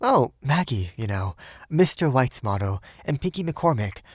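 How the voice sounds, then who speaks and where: A man's voice: medium pitch, sing-song, unhurried, slightly rough, dry recording, studio quality, voice pushed up. A man voicing a cheerful young woman, an artist's model, chattering merrily in an audiobook. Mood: chatty, delighted. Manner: merry, chattering. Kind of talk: audiobook character voice.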